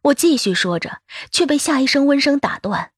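A woman reading a first-person story aloud as an audiobook narrator, expressive in her telling. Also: high voice, moderate pace, no echo, studio quality.

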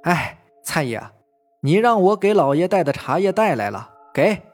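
A man voicing a flustered young servant who flatters and stammers. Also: high-pitched, normal speed, faint music behind. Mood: fawning.

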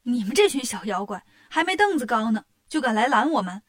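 A woman's voice: a little high, very animated, fairly quick. A woman voicing a confident, teasing male monkey hero in a children's story. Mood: cocky. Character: cocky brave monkey king, male.

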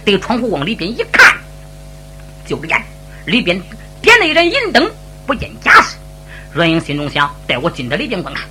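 A woman's voice: on the high side, bright, forceful tone. A woman storyteller with a Henan accent, reciting a traditional sung tale in a rhythmic, dramatic way.

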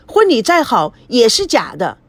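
A woman voicing a sulky young bride in an audiobook, plaintive and a little higher than her narration. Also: wildly swooping pitch, moderate pace, dry recording. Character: sulky young bride, quick to take offense.

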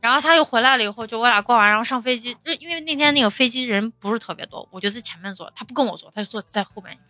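Brief: young woman, quick and bright, storytelling, dry close sound. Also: a little high, no echo, soft background music. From Xi'an, China. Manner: animated, laughing, quotes others in dialogue. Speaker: storyteller on a podcast panel. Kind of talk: casual chat.

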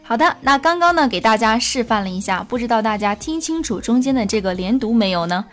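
A woman teaching English pronunciation in a lesson, patiently repeating phrases slowly as she demonstrates them. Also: fairly high pitch, animated, soft background music.

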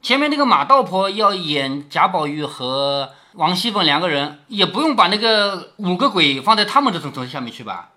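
A man reading a classic novel aloud to his daughter and stopping often to explain it, asking "right?" as he goes. His pitch rises and falls in a lively way, and his voice is bright and forceful. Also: moderate pace, few pauses. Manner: chatty, explanatory. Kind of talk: storytelling with commentary.

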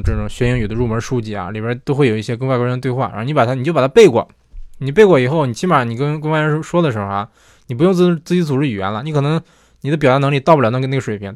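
A man hosting a listener question show, talking in a relaxed, explanatory way. His voice sits at an ordinary middle pitch and is recorded dry and close, with no room sound. He keeps rephrasing and checks that listeners agree. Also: no room sound. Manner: chatty, rephrases often, asks "对不对" for agreement. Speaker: host answering listener questions. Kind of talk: casual explanatory monologue.

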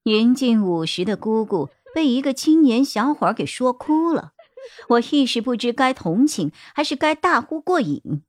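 A woman narrating a detective novel in an expressive storytelling manner. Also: a little high, normal speed, no echo. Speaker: audiobook narrator.

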